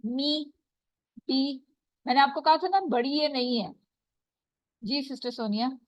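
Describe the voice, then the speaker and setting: A woman teaching an online Quran recitation class over a video call, calling on students and modelling recitation slowly. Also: sits high, animated, no echo. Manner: patient, calls on students, models slow recitation. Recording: dull video call audio.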